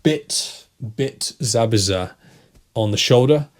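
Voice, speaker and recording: Slow, patient male English teacher. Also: mid-range voice. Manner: repeats key phrases, checks in with "right?". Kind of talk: slow retelling for language learners.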